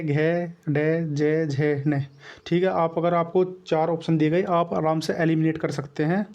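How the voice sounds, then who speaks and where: Muffled, flat-voiced man teaching grammar. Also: fairly high pitch. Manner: repetitive, coaxing, drills sounds aloud. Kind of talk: exam-prep grammar lesson.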